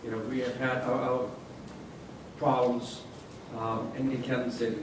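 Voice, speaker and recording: A male legislator addresses a panel audience, his remarks halting and full of fillers. He sounds distant from the mic, with heavy room echo and a clear hum of noise behind him. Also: mid-range voice, little pitch movement. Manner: halting, many fillers and restarts. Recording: echoey hall, distant mic, noisy.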